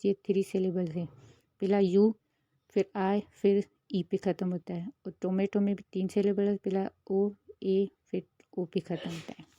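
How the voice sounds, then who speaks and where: A woman, the host of her own channel, who explains a grammar lesson in a steady, patient way and mixes English terms into her Hindi. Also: mid-range voice, dry recording, dull audio. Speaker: teacher.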